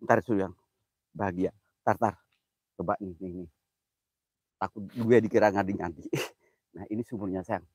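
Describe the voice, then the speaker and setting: A young man chats and jokes with his viewers, laughing often while he streams from beside an old well on his phone. His voice is somewhat low and husky. The sound is close and dry. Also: fairly even intonation, moderate pace, long pauses, a little mellow, no echo. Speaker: host of a comedy ghost-hunting livestream. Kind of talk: casual joking livestream chat. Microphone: phone camera.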